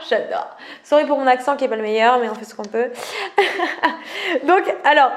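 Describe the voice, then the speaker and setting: A French woman, a wellness coach chatting casually to camera, enthusiastic and gushing, often laughing. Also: sits high. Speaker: wellness coach presenting oracle cards.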